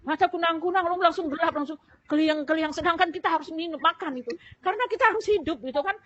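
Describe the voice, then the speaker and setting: A woman's voice: very high-pitched, quick pace, fairly bright tone, dry recording. A woman recounts her story as an interview guest, casual and vivid. She acts out the voices and noises she describes. The sound is close and dry, with a slightly dull, muffled tone. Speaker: interview guest giving a testimony. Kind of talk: personal faith testimony, casual storytelling.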